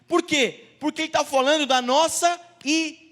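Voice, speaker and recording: Brazilian man, pastor, sermon in a church, high voice, long hall reverb, Brazilian Portuguese accent. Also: normal speed, a bit bright. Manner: reads scripture aloud, then preaches with rhetorical questions. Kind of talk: sermon with scripture reading. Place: church sanctuary.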